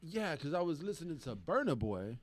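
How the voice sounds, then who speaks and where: A man co-hosting a podcast in casual chat, animated and laughing often as he acts out quoted voices. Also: a little high, fairly quick, no room sound. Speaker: podcast co-host.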